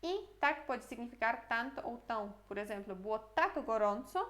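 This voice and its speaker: A woman's voice: a little high, animated, moderate pace, fairly bright tone. A young adult woman teaching a casual online language lesson, explaining step by step and checking in with the viewer often.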